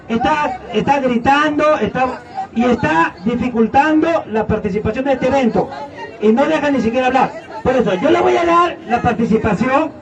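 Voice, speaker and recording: A Peruvian man moderating an outdoor debate in a stern, commanding way, scolding the audience. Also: very high voice. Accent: Peruvian Spanish. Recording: muffled distant recording with crowd noise.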